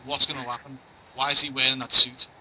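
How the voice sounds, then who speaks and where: Bright-voiced man hosting a casual chat. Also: mid-range voice, flat delivery, fast, rough recording. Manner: joking, bantering. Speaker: podcast host asking a boxing pundit questions.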